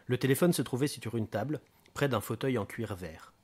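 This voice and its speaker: A man narrating a crime novel excerpt in a steady, measured reading voice. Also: mid-range voice, slightly rough. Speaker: reader. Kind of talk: audiobook narration.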